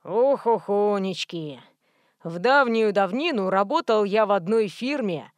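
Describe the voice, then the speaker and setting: A woman's voice: a little high, lively intonation, normal speed, no room sound, lightly acted. A woman playing a clowning prankster guy. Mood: teasing. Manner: playful, clowning. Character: joking, teasing male friend, a prankster.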